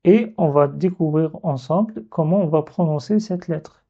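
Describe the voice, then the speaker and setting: A man's voice: on the high side, moderate pace. A man teaching an Arabic letter in a video lesson, patiently repeating sounds and breaking words into syllables. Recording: dull lo-fi recording.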